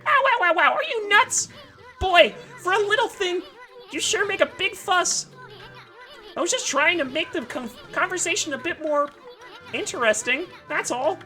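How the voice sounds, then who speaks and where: A tiny male wandering artist brags and bristles in a pushed-up, bright voice, as a woman puts him on. He swaggers through every line, lively and pitched high. It is a video game character. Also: faint music behind, heavily acted. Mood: annoyed. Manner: cocky, brash and quick.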